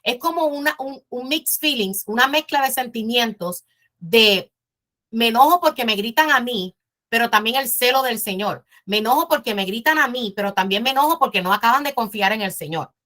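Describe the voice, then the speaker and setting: A woman's voice: a little high, animated, moderate pace, bright, forceful tone. Emphatic woman teaching a Bible class. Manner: earnest, emphatic, repeats phrases.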